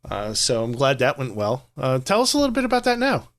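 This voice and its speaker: A man's voice: mid-range voice, wildly swooping pitch, a little fast. A tired man co-hosting a gaming podcast, rambling casually with self-deprecating humor. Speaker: podcast co-host. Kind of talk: casual chat.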